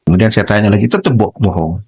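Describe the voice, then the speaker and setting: A middle-aged man, a teacher, telling a personal story on a podcast in an animated way, acting out dialogue. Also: fairly low pitch, fast, slightly rough.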